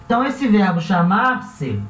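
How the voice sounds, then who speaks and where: A Brazilian man with a relaxed, chatty teaching manner who often corrects himself and checks in with his listeners. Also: sits high, a little slow. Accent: Brazilian Portuguese. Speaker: language teacher. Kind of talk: casual classroom explanation. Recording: echoey room, voice a bit far from the mic.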